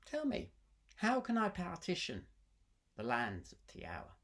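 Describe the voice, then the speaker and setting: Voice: mid-range voice, wildly swooping pitch, a little slow, a bit bright, voice pushed up, exaggerated voice. A storyteller voicing an inquisitive king of ancient Ireland who questions his elders in an oral legend. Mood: commanding, curious.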